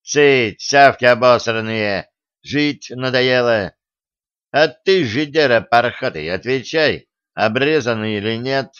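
Slow menacing teen thug bragging bout prison, guy narrator doing him, dull lo-fi audio. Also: medium pitch, a bit bright, clean tone. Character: swaggering teen thug, bully boasting of prison.

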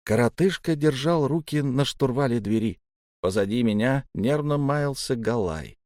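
A man narrating a fantasy novel in the first person, with a measured, steady reading. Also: mid-range voice, no echo, studio quality. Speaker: audiobook narrator.

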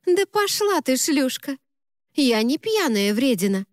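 A woman voicing a lively, bossy young woman who teases her friends in an audiobook. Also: high-pitched, normal speed, dry recording, clean studio sound, voice pushed up. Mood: mock-indignant. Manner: exclaiming, brash, mock-scolding.

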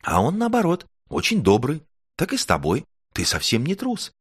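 A man's voice: on the high side, wildly swooping pitch, moderate pace, breathy edge, no echo, studio quality, voice pushed up, heavily acted. A man voicing an eager little girl star. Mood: spirited. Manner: eager, chirpy, sometimes shouting. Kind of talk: storybook reading.

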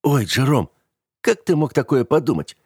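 A man reading an audiobook, voicing an earnest, calm young rich man who coaxes gently and sincerely. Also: medium pitch, moderate pace, slightly rough, dry recording, studio quality, pitched above the performer's own voice. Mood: teasing.

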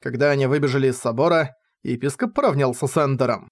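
A man narrating an audiobook in a steady storytelling manner. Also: medium pitch, fast talker. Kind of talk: scripted narration.

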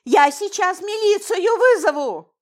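A woman's voice: extremely high pitch, animated, a little slow, voice pushed up. A woman doing Belobokaya, a ringing bossy woman. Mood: indignant. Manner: ringing, demanding.

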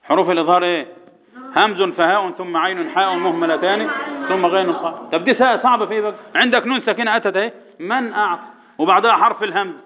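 A man with an Egyptian accent teaching Quran recitation to boys, quizzing them and chanting verses slowly for them to repeat. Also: sits high, highs cut off. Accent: Egyptian Arabic. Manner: drills students with questions, chants verses slowly. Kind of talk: tajweed lesson to boys.

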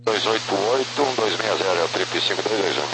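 A man's voice: sits low, quick pace. A man, a pilot, giving terse readbacks over a crackly radio. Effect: crackly radio transmission. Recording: crackly, noisy cockpit radio.

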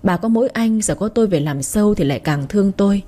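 A woman's voice: mid-range voice, expressive, quick pace, dark tone, a little hiss or hum. A woman narrating a first-person story in a chatty, wry tone.

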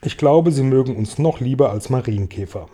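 A man's voice: medium pitch, animated, normal speed, mellow, slightly rough. A man voicing a smug, self-important earthworm in an audiobook reading.

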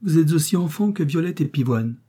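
A no-nonsense middle-aged father in a storybook reading, played by a male narrator, firm and brusque. The voice is husky and dark. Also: on the high side, animated, fairly quick, voice pushed up.

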